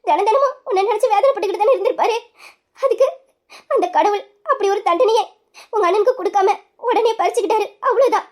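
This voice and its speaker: A fast-speaking, high, young voice plays a widowed sister-in-law comforting a younger woman, soothing her in a gentle, motherly, consoling way.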